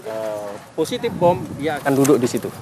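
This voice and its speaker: Calm police dog trainer guy explaining stuff outside, faint street noise. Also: medium pitch, moderate pace. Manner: calm, explanatory, acts out commands. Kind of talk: explanatory interview answers.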